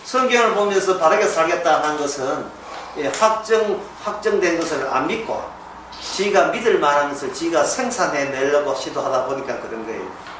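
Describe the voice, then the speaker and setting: A pastor gives a Bible lecture in a church lecture room, his male voice fairly high-pitched and moving at a normal speed. He is animated and joking, repeating key words as he goes. The recording sounds like an echoey hall, with the mic far away and faint noise in the background.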